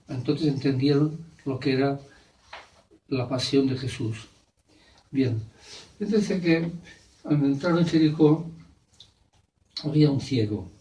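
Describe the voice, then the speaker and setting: A priest giving a sermon, retelling a gospel story in simple words with frequent fillers and restarts. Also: male voice, medium pitch, slow, long pauses, dark tone. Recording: echoey church from far off.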